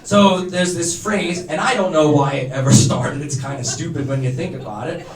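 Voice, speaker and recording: A man, co-hosting a live question-and-answer show, joking and laughing with the crowd. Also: a little high. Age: 30s. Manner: laughing, teasing, quick asides. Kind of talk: joking banter with an audience. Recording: echoey room, mic at a distance.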